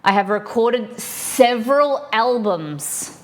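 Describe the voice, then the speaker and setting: While baking in her kitchen, a woman hosts a live stream, chatting casually and reading trivia clues aloud to her viewers. Her voice is slightly high and expressive, and she takes her time.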